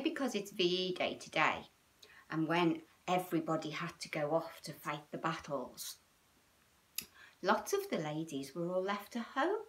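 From a small room at home, a British woman in her fifties who hosts children's storytime and yoga livestreams chats to kids in an animated, sing-song manner, using lots of tag questions. Her voice is on the low side.

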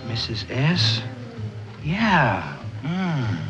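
Slow-drawling jive-talking beatnik hipster. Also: male voice, mid-range voice, big pitch swings. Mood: wry, enthusiastic. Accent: American. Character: laid-back, self-important beatnik club owner, a jive talker. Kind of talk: 1950s television drama acting. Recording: dull vintage TV soundtrack, music behind.

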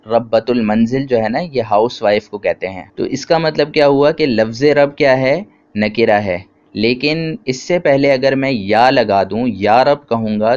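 A man gives a grammar lesson, explaining points patiently and checking with simple questions. His voice sits at an ordinary middle pitch. The recording sounds dull and lo-fi. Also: darkish tone. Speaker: teacher. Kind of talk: grammar lecture.

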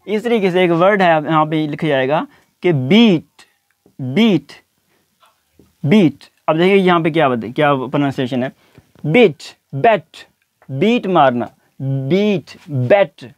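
A man teaching an English lesson, repeating each word slowly and deliberately. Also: fairly high pitch, animated, no room sound. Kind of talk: spoken language lesson.

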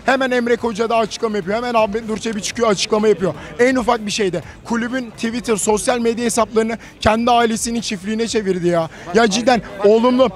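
A man's voice: very high-pitched, fairly even intonation, quick pace, hardly any pauses. A man, a football fan, arguing in long run-on points during a street interview outdoors. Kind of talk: heated street interview debate.

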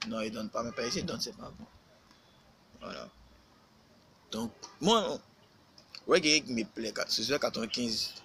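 A man's voice: medium pitch, animated, a little slow, long pauses, pushed and bright, a little hiss or hum, poor audio. A man, a rapper talking casually on a live stream, lecturing and scolding with lots of repetition.

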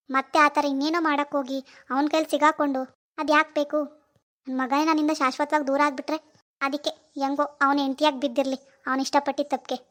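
A woman's voice: high-pitched, natural voice. Woman voicing a scheming older mother-in-law. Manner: sighing, wheedling, then sly and scornful. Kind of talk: animated family drama voice acting.

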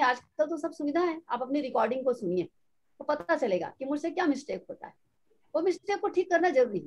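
A middle-aged woman training children's teachers in an online session, explaining slowly and mimicking bad speaking habits. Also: high-pitched. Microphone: online video call. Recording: dull lo-fi online call audio.

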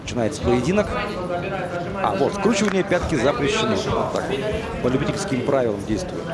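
A man's voice: mid-range voice, big pitch swings, fairly quick, a loud crowd. A man giving conversational live commentary on a mixed martial arts fight. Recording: loud music behind commentary. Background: loud music.

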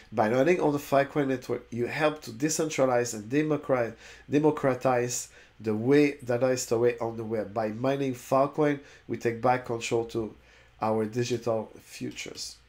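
A crypto YouTuber in his forties, whose first language is French, sits at his desk reading a website aloud and chatting about it, often stumbling and restarting on long words. His medium-pitched voice is a little mellow, with fairly even intonation and a moderate pace. The setting is indoors, with a webcam overlay on a screen share.

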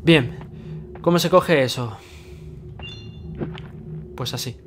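A young man with a Spain Spanish accent narrates his own gameplay in a casual, impatient way, often swearing at the enemies. His voice sits at an ordinary middle pitch. Loud game music plays behind him. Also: slow. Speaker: gaming youtuber. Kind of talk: let's play commentary.

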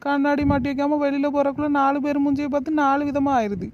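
A woman's voice: high-pitched, little pitch movement, fast talker, lo-fi sound, a little hiss or hum, lightly acted. Woman as a cheeky hungry wife. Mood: muttering. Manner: cheeky, talks to herself, sweetly impudent. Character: cheeky lazy young village wife, always hungry. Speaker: lead character. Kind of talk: cartoon comedy voice acting.

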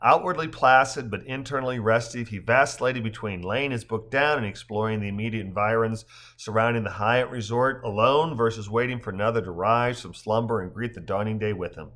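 A man reading a story aloud in measured narration. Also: on the low side, fairly bright tone.

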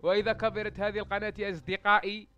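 Excitable young man narrating a zombie game. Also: high-pitched, very fast, clear, resonant tone. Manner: excitable, yelling in panic at zombies, joking asides; speaks formal Standard Arabic to reach all Arabs. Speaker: gaming YouTuber. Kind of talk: let's play commentary.

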